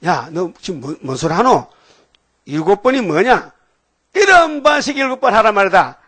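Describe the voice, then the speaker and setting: A man's voice: on the high side, lively intonation, a little fast, fairly bright tone, no room sound. A man acting out Jesus as a stern, emphatic teacher in a sermon. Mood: scolding. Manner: scolding and emphatic.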